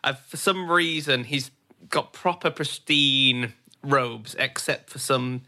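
A man in a tabletop game describes his character playfully. His voice is very bright and sharp, at a middle pitch. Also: slow. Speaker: player.

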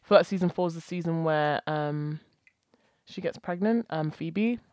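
A woman's voice: deep voice, normal speed, darkish tone, dry recording, clean studio sound. Chatty woman laughing through her stories. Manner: chatty, laughs often, hesitant with fillers. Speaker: podcast co-host. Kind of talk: casual chat.

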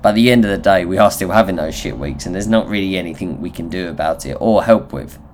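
Low-pitched nasal Essex man. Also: fast, a little mellow, a little hiss or hum. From Essex, England. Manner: candid, self-deprecating, sweary. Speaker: podcast host. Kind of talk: solo motivational podcast talk, informal.

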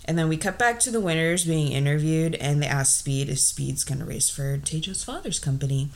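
A woman's voice: deep voice, a little fast. A woman co-hosting a casual podcast, recapping a film with lots of laughter and acted-out lines. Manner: animated, laughs often, acts out characters' lines. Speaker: podcast co-host.

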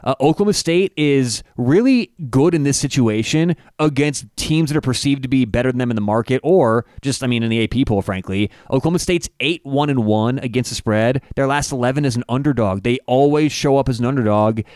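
Smooth-voiced man breaking down football stats. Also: medium pitch, darkish tone, dry recording, clean studio sound. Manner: stat-heavy, halting with restarts. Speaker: sports betting analyst. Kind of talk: casual analytical sports chat.

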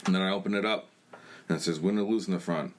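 Very deep-voiced man telling his story. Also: fairly even intonation, fast talker, a little hiss or hum. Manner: blunt, plain-spoken storytelling. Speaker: church member sharing his testimony. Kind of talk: personal testimony in conversation.

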